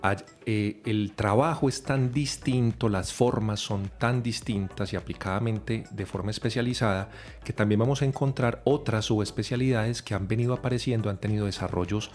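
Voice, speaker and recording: A man's voice: fairly low pitch, moderate pace, darkish tone. A man, a psychologist and lecturer, explaining at length as a podcast guest, with frequent hesitations. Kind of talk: radio podcast interview.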